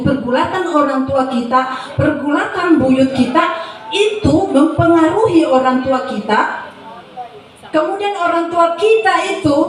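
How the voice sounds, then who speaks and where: A woman in her forties, a psychology lecturer giving a chatty, joking seminar talk and quizzing her audience. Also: high voice. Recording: very echoey hall, voice far from mic.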